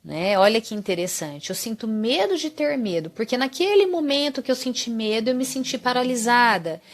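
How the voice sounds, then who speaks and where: A woman's voice: on the high side, lively intonation, moderate pace. A woman hosting a live psychology talk, explaining patiently and often checking in with the viewers. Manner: explanatory, often adds tag question 'né'. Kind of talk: live stream talk answering viewer comments.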